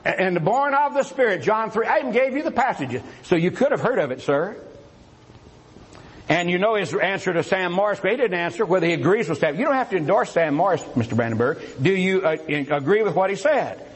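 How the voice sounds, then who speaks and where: A man in a formal religious debate, firing rhetorical questions and taunting his opponent, swinging between a raised voice and low asides. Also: lively intonation, a little fast, low-quality recording.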